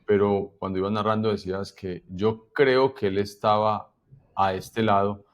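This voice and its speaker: A man hosting an interview, asking calm clarifying questions. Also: fairly low pitch, unhurried, dull audio. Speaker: interview host.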